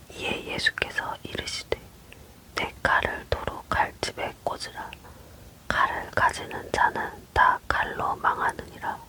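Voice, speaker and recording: Someone whispering a bible reading asmr style, right up on the mic, slow and hissy bright, no voice at all. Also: extremely high pitch. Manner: whispering close to the mic, fully unvoiced. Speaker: reader of scripture. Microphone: close microphone.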